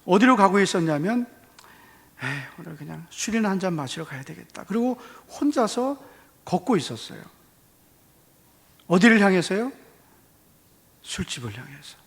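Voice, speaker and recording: A man with a Gyeongsang Korean accent preaching a testimony sermon, telling his story with lively acted-out dialogue. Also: high-pitched, moderate pace, vocal fry, pauses often. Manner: animated storytelling, acting out dialogue. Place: church hall. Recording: long church reverb.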